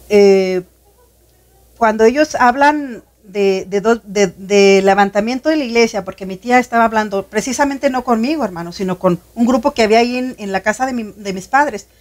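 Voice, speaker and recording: A woman's voice: mid-range voice, moderate pace. A woman sharing a personal faith testimony in conversation, earnest and heartfelt, often addressing the listener as brother. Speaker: guest sharing her testimony.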